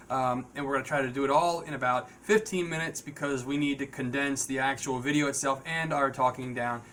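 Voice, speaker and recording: A man hosting a casual, unscripted podcast, rambling and halting as he repeats words and addresses viewers. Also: medium pitch, pushed and bright, slight background noise. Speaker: podcast host.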